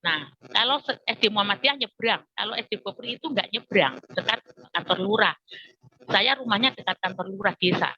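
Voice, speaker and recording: A woman's voice: mid-range voice, animated, a little fast, pushed and bright. A woman with a Javanese accent telling her life story as a testimony, acting out the voices of people in it. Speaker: testimony speaker. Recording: dull lo-fi recording.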